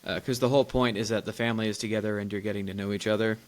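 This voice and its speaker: A young man co-hosting a podcast tells family stories in casual chat, racing along in a fairly low voice. He's animated, laughs often, and rambles with frequent restarts.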